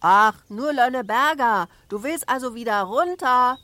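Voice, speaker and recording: A woman voicing a mischievous little farm boy who shouts cheekily. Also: mid-range voice, normal speed, no room sound, voice pushed up, lightly acted. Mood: cheeky.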